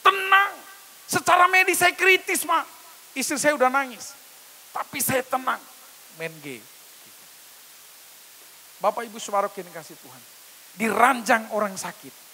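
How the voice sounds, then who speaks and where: Male pastor, unhurried emphatic sermon delivery, bright tone. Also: extremely high pitch, slight background noise. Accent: Indonesian. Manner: emphatic testimony, repeatedly addressing listeners as "Pak". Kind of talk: sermon with sung worship.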